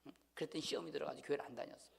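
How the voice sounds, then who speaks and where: A man preaches in a church, his voice high and gravelly with lots of fry. He swings from ringing exhortation down to near-whispered asides and keeps asking the congregation questions. The sound carries a long hall reverb. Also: steady tone, very fast. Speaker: pastor. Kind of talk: sermon. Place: church sanctuary.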